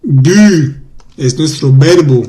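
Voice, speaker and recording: A man's voice: fairly high pitch, animated, warm tone. Upbeat man teaching a live class. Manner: chatty, reads out student comments, repeats words slowly. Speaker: French teacher. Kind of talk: live online class, explaining grammar.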